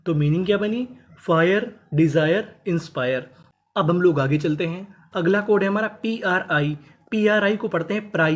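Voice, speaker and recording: An English teacher giving a scripted phonics lesson, spelling words out letter by letter and repeating each one slowly. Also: medium pitch. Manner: repetitive, drawn-out teaching cadence.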